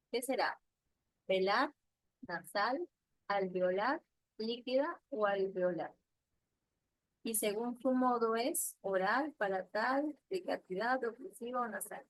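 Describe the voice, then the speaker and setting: Woman, teacher, online class, slow patient questioning, dry close sound. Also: fairly high pitch, dry recording, poor audio. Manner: patient, questioning, repeats answers slowly.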